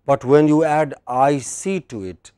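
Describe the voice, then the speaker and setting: Slow, patient male English teacher. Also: on the high side, mellow, clean tone. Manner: slow, patient, repeats phrases and checks understanding. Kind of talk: classroom lecture with drills.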